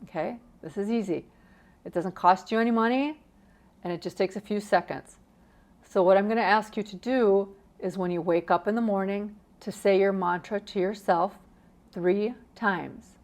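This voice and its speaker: A middle-aged woman, a personal finance vlogger, gives a casual, encouraging motivational talk to camera. Her mid-range voice has a darkish tone, fairly even intonation and normal speed, and she acts out the phrases she quotes with gusto.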